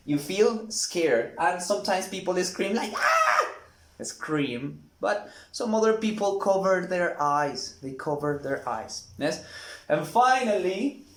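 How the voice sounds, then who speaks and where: A man teaching English vocabulary in a lesson, acting out each example in an animated way. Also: fairly high pitch. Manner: slow, animated, acts out examples. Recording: echoey room.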